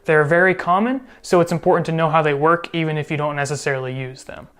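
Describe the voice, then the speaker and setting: A man's voice: on the high side, fast talker, fairly bright tone, clear, resonant tone. Man, coding instructor, casual tutorial, joking asides, self-correcting. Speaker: programming instructor.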